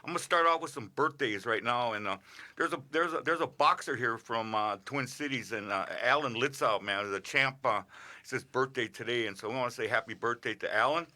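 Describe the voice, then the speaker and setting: A middle-aged man on a radio show, rambling casually through birthday shout-outs with lots of filler sounds. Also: medium pitch, brisk. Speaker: regular radio segment host. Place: radio studio.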